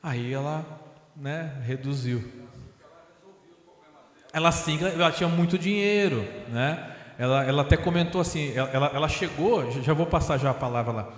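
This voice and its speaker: A man's voice: on the high side, normal speed. Brazilian man teaching in an echoing hall. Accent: Brazilian Portuguese. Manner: lively, retells dialogues in quotes. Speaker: seminar speaker. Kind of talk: teaching seminar talk. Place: large hall of a spiritist center. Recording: roomy hall with long reverb.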